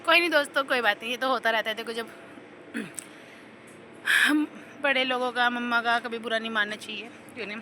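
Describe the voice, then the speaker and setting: High bright-voiced young woman vlogging. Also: a little fast, long pauses, a little hiss or hum. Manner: rambling, animated, laughs while telling stories. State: slight cough and sore throat. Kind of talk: casual chatty storytelling.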